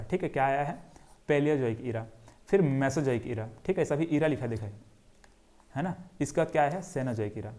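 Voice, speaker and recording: A fairly high-voiced young man giving a geography lesson. He drills his students by asking a question and then answering it himself, over and over. He sketches on a board as he explains. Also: a little mellow. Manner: drawing on a board while explaining. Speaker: geography teacher. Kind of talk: classroom lecture.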